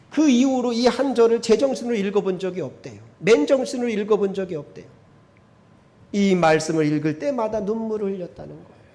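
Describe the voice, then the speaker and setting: High, lively-voiced male pastor preaching. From South Korea. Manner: emphatic, swings between loud and soft; acts out quoted speech in changed voices. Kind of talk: sermon.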